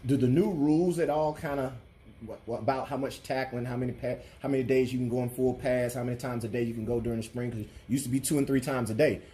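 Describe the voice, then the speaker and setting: A man's voice: mid-range voice, steady tone, quick pace, mellow. A man conducting a sports interview, putting questions to his guest.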